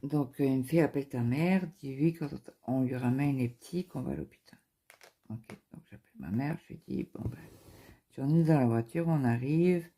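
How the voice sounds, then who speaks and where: A woman's voice: a bass voice, expressive, moderate pace, dark tone. A young woman, a craft vlogger, casually telling a personal story and acting out the dialogue with lots of fillers and restarts. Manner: retells events through quoted dialogue, with frequent fillers and restarts.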